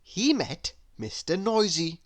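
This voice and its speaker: A woman with a lowish voice reads a children's story aloud, expressive and deliberate in her storytelling. There is no room sound.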